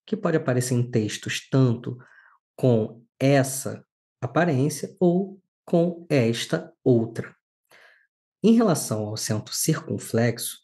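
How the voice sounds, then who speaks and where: Man teaching, mellow voice. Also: medium pitch. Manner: explains slowly and clearly, stresses syllables. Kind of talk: recorded lesson.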